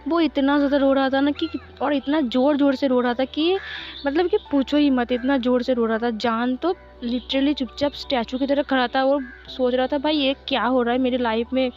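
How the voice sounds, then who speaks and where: High-voiced woman telling a story casually. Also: fairly even intonation, moderate pace. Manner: chatty, repetitive, uses fillers. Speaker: fanfiction storyteller. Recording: slightly dull, faint music behind.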